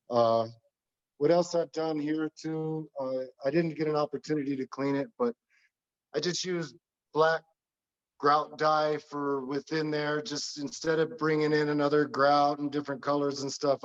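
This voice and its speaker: A man with a slightly hoarse voice, talking casually and haltingly as a tile installer walking someone through his work. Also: mid-range voice, muffled recording. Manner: hesitant, halting. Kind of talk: casual informal walkthrough talk.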